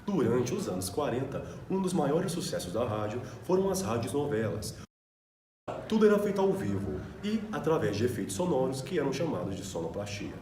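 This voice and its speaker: Co-hosting a student radio program, a man with a Brazilian Portuguese accent presents in a semi-scripted style. His mid-range voice is sing-song, brisk and dark in tone, and the recording has a roomy echo with faint background noise.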